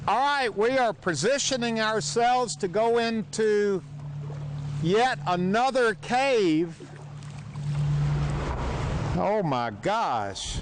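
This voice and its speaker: A man's voice: sits high, slow, background noise. A man hosting on location inside a sea cave, talking in wide-eyed, exclamatory amazement, with cave echo around his voice. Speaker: host of a travel show. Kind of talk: excited on-location narration and chat. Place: inside sea caves on water.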